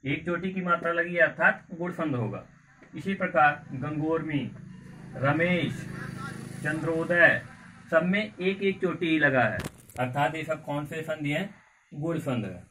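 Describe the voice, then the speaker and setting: A man teaching a grammar lesson in a coaching class, slowly repeating words and asking the class questions. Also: fairly high pitch, sharp tone. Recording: far from mic with faint background noise.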